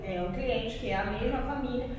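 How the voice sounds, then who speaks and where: Woman, high voice, animated explaining, roomy echo, distant mic. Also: a little fast. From Paraná, Brazil. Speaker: guest lawyer and economist. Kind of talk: podcast interview. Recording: echoey room, mic from far off, clear background noise.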